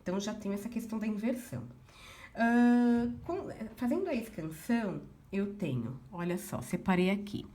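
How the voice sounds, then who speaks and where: A woman's voice: mid-range voice, lively intonation, moderate pace, warm tone. A woman teacher with a Brazilian Portuguese accent, patiently going through exercise answers for her class and dropping in frequent little check-ins with the students. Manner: patient, uses many fillers like "né" and "ó". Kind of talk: recorded class lesson, explaining exercises.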